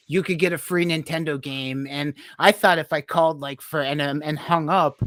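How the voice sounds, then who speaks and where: A man co-hosting a casual podcast, telling animated stories and laughing as he goes. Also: a little high, moderate pace, dry recording. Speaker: podcast co-host. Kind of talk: casual chat.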